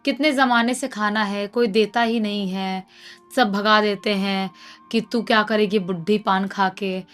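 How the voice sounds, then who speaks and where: A woman's voice: medium pitch, fairly even intonation, unhurried, a bit bright, faint music behind, natural voice. A woman voicing a frail old woman who pleads in a wheedling, plaintive way, inside a spoken horror story. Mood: pleading.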